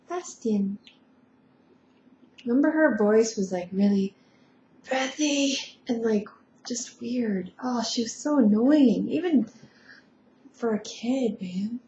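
A woman's voice: on the high side, takes it slowly, long pauses, dark tone, echoey room, muffled recording, a little hiss or hum. A woman casually retelling movie scenes with offhand, sarcastic asides. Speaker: vlogger.

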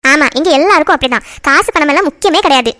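A woman's voice: high-pitched, animated, quick pace, pushed and bright. A woman voicing a reassuring cartoon grandmother. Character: grandmother, calm and comforting.

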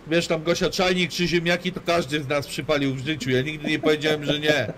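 A man's voice: on the high side, flat delivery, fast, a bit bright, a little hiss or hum. A man streaming a video game live, cursing constantly as he banters with chat and his teammate. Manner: crude, swears constantly, banters and mocks. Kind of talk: live gaming commentary.

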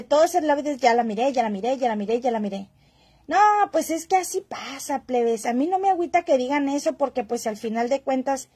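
Woman, gossip streamer, high bright voice, chatty, laughs easily, reads out chat. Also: breathy edge. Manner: chatty and gossipy, greets viewers by name, laughs often. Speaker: gossip livestream host. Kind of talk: casual livestream chat reading viewer comments.

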